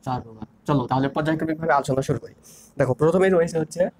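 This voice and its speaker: A man's voice: on the high side, rapid-fire, a little mellow, slight background noise. A young man teaching an online grammar lesson, repeating key terms and asking and answering his own questions. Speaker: grammar instructor.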